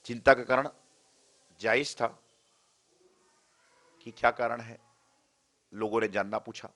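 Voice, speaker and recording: A man's voice: mid-range voice, fairly even intonation, slow pace, fairly bright tone. A male Jain monk giving a sermon, emphatic, with rhetorical questions and repeated phrases.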